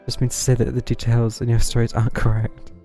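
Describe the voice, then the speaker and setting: Speaking fast in a completely flat, mellow, medium-pitched voice, a man reads game dialogue aloud during a stream, mumbling through some of it between casual live comments. Game music plays underneath.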